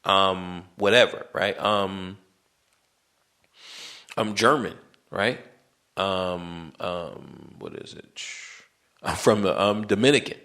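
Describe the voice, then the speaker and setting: A man's voice: deep voice, takes it slowly, gravelly, long pauses, sharp tone. A man hosting a podcast, talking casually in a rambling way with lots of fillers, slang and restarts. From United States. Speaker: podcast host. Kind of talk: casual monologue.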